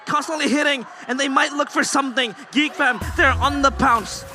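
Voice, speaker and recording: A man casting an esports match, excitable and breathless. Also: extremely high pitch, moderate pace, over music. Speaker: esports caster. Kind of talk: play-by-play commentary.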